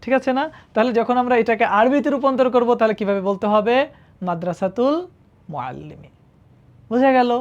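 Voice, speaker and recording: This woman's voice sits fairly high, keeps a steady tone and moves fairly quickly, with the high frequencies missing. Teaching Arabic grammar to a class, she patiently asks questions. She keeps confirming understanding by saying "ঠিক আছে?".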